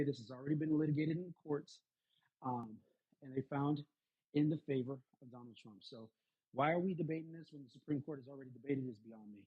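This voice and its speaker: A man's voice: medium pitch, slightly rough, lo-fi sound. A man arguing firmly in a live debate, slightly out of breath. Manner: firm, argumentative. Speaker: debate participant. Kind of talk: casual debate.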